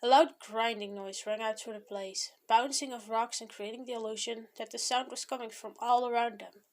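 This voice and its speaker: A woman with a fairly high voice reads a fan fiction story aloud in plain narration. She stumbles over words now and then and restarts phrases. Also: fairly even intonation, normal speed. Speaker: fanfiction reader. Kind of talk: reading a fanfic aloud.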